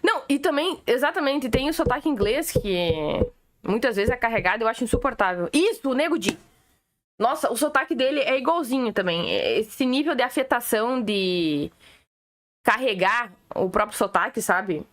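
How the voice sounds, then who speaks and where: A woman's voice: fairly high pitch, big pitch swings, normal speed, slight background noise. A woman with a Gaúcho accent from southern Brazil, ranting sarcastically and opinionatedly as a political commentator on a live stream. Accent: Gaúcho Brazilian Portuguese. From Rio Grande do Sul, Brazil. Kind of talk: casual livestream rant.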